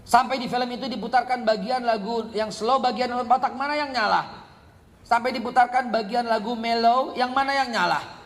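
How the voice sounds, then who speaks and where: Middle-aged man, preacher, high-pitched, animated sermon, quiet asides and loud outbursts, long hall reverb. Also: normal speed. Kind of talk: parenting sermon to a congregation.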